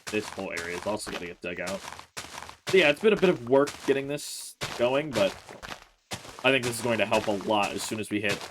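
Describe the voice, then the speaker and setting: A man hosting a Let's Play, chatting through his gameplay in a relaxed, rambling way, thinking aloud with plenty of "uh" and "like". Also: fairly low pitch, fairly quick, noisy background. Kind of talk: casual gameplay commentary.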